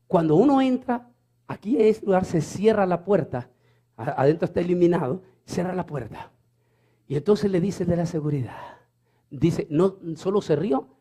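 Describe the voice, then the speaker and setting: Man, very high voice, sermon, storytelling, stammers and repeats, rising to shouted preaching. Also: husky. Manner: builds from low retelling to shouted high preaching.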